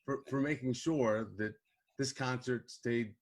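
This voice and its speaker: A man's voice: medium pitch, steady tone, unhurried. Man hosting an interview. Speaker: host.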